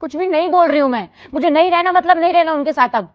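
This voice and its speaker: A woman's voice: sits high, expressive, a little fast. An actress playing a headstrong young married woman who complains indignantly to her mother in a scripted family drama. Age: young adult. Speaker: married daughter. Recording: slightly dull lo-fi recording.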